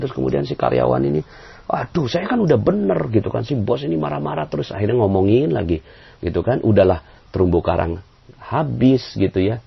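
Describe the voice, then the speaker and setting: An Islamic preacher gives a motivational religious talk to an audience in a conversational style, full of fillers and chuckles. He acts out quoted voices with big pitch jumps, and his voice has vocal fry and slight roughness. The audio is dull and lo-fi.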